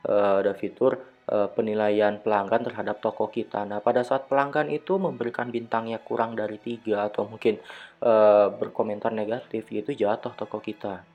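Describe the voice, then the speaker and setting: A man's voice: on the low side, little pitch movement, fairly quick, phone-quality sound. A male university lecturer giving a recorded online lecture in a conversational way, full of fillers and rhetorical questions.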